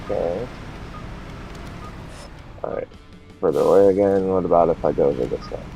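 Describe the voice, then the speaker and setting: A man's voice: deep voice, moderate pace, vocal fry, warm tone, faint music behind. A man streaming a game live, rambling and talking to himself as he plays. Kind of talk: casual live gameplay commentary. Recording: dull lo-fi stream audio.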